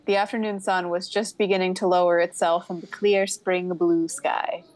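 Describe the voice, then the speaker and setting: A woman's voice: on the low side, little pitch movement, moderate pace, a little mellow. A woman co-hosting a podcast, reading a book aloud, giggling and stumbling over words now and then. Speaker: podcast co-host.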